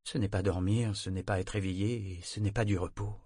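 A man reading the part of a sleepless widowed mother, speaking in a hushed, soft voice. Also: sits low, fairly even intonation, brisk, husky, no echo, studio quality. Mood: weary. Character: weary widowed mother, older woman, sleepless.

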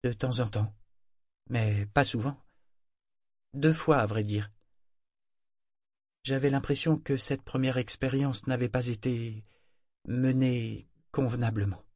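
A man's voice: medium pitch, steady tone, slow pace, pauses often, darkish tone, dry recording, studio quality. A man voicing a weary, guarded young woman sailor who confesses hesitantly. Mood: confiding.

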